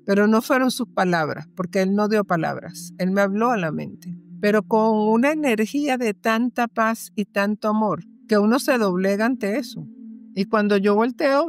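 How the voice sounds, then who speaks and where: A woman guest in an interview, telling a personal story earnestly and repeating phrases for emphasis. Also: medium pitch.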